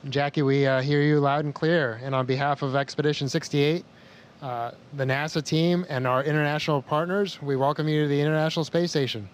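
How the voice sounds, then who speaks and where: A man's voice: a little high, steady tone, brisk. An American man speaking as an astronaut in a formal space-to-ground communication style. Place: inside a space station. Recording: faint noise on space-to-ground link.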